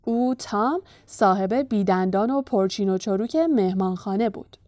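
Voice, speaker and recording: A woman narrating a storybook in a calm, even reading voice. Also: medium pitch, no room sound. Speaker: audiobook narrator.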